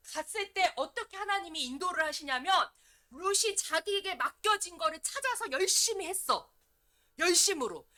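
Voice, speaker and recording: Woman evangelist, high bright voice, chatty animated sermon delivery in a church. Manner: lively, conversational preaching, often acting out prayers. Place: church sanctuary.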